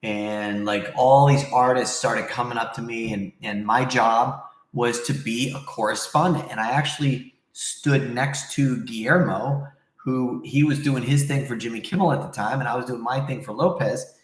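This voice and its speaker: Answering viewers in a loose, chatty ramble, this livestream host speaks at medium pitch and normal speed. The room he records in is very echoey.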